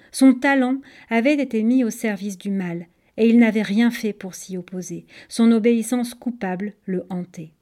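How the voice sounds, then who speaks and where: A woman reads a storybook aloud with expressive, measured pacing. Her voice sits fairly high yet sounds warm and mellow. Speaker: narrator. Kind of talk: storybook reading.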